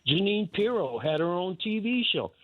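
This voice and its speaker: A man's voice: sits high, very animated, normal speed, no echo. An older man, calling in to a radio talk show and speaking bluntly and emphatically. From New York. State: caller on a phone line to a radio show. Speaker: radio show caller, former talk radio host. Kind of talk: opinionated call-in talk. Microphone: telephone. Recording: tinny dry phone line.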